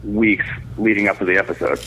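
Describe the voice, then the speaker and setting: A man's voice: lowish voice, flat delivery, brisk, a bit bright, a little hiss or hum. A man calling in over the phone as a guest interviewer, chatting casually with some fillers. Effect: heard over the phone. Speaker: guest caller, entertainment interviewer. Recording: dull lo-fi phone audio.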